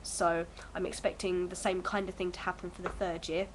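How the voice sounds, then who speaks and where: On a low-quality recording with a touch of hiss or hum, a young woman speaks fairly quickly in a lowish, level voice. In her early twenties and stuffed up with a cold, she chats to camera at home for her vlog, hesitant and rambling with many fillers.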